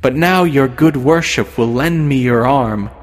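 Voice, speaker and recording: A woman's voice: extremely low pitch, unhurried. A man voicing a pious old woman who is secretly a witch, chattering in quaint old-fashioned speech. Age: older. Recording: long reverb.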